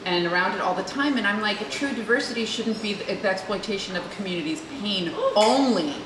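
A woman moderating a roundtable discussion as a theater leader, talking thoughtfully with halting restarts. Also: medium pitch. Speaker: theater artistic director, moderator. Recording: echoey room with noise.

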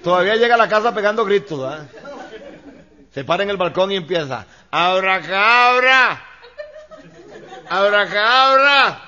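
Brief: Costa Rican male comedian, chuckling joke teller, high bright voice. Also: lively intonation, fast talker, pauses often. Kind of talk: stand-up joke telling. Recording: lo-fi dull recording.

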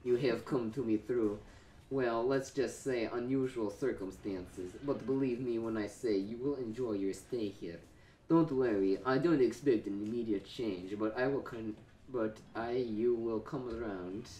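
A man's voice: medium pitch, unhurried, warm tone, lightly acted. A man voicing a smug, menacing male alien space-pirate villain in a theatrical mock-villain tone, recorded in an echoey room with faint background noise. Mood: gloating.

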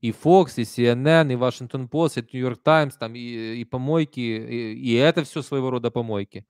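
Into a desk stand mic held close, a man in his thirties from Ukraine chats on a live stream, reading viewer comments in a Kyiv Russian accent. He leans into points emphatically, then drops into soft-spoken asides, his ordinary mid pitch at normal speed with a clean tone. The small indoor room sounds dry, with no echo.

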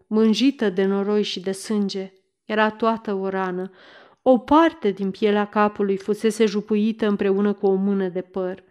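A woman narrates an audiobook in a steady, measured way. Her voice sits at a middle pitch for a woman. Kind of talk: scripted narration.

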